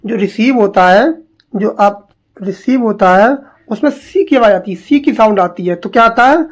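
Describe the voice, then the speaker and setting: A woman teaching English spellings to exam students, repeating each word slowly and asking questions as she goes. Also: medium pitch. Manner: slow, drilling, repeats words and asks questions.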